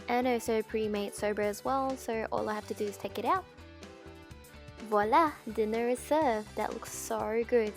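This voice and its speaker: A young woman talks through her day in a chatty, bubbly vlog style, leaning on "like" as she goes. Her voice sits a little high, and faint music plays underneath her. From Australia. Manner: bubbly, chatty, heavy use of "like". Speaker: vlogger and English teacher. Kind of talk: casual vlog chat and voice-over.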